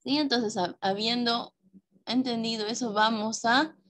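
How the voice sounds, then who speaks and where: A woman teacher giving a class, patient and warm with her pupils, often checking that they follow and slowly stressing key words. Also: fairly high pitch, steady tone. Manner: patient, with frequent checks for understanding; affectionate diminutives, slow stressing of key words. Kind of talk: online class lesson.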